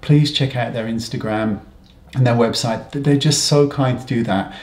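A man's voice: medium pitch, normal speed, a little mellow. A man, chatting wryly and gushing to camera from his home. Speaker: vlogger. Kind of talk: casual chat to camera. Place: home living room, indoors. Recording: roomy echo, faint music behind.

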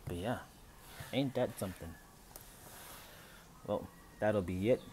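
In a room with a Christmas tree, an adult channel host who has three kids unboxes something on camera, recording on his phone and musing aloud in an uncertain, chatty way. He speaks slowly in a lowish voice, with background noise audible.

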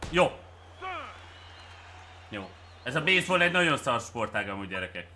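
A Hungarian man streaming a game with viewers, cheering and shouting at plays and then muttering to himself. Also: medium pitch, sing-song, a little hiss or hum. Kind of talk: excited live game commentary.

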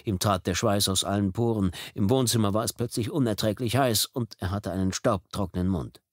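A man with a fairly low voice reading a thriller audiobook with tense, dramatic storytelling. The studio microphone is close and the sound is dry, with no room to speak of. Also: a little fast, dry recording. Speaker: audiobook narrator. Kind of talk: scripted audiobook narration.

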